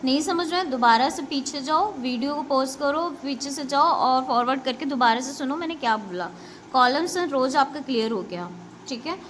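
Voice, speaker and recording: Brief: female schoolteacher, high voice, patient and repetitive, explains basics to kids and keeps checking they follow. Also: moderate pace, a bit bright, slight background noise. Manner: addresses pupils directly with instructions. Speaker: school computer teacher. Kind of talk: classroom lesson explaining basics to children.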